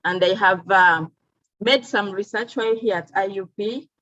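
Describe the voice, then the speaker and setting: Woman teacher from Uganda, mid-pitch, measured webinar delivery with filler pauses, muffled dry call audio. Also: fairly bright tone, dry recording. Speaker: teacher and teacher trainer. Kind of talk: online webinar presentation. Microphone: video call.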